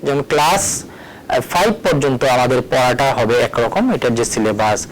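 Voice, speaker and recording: Male teacher at a board, mid-pitched, patient, spells words out letter by letter, faint rumble behind. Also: lively intonation, moderate pace, low-quality recording. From Tripura, India. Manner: spells words letter by letter, switches between Bengali and English. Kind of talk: recorded board lesson. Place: at a board, erasing and writing.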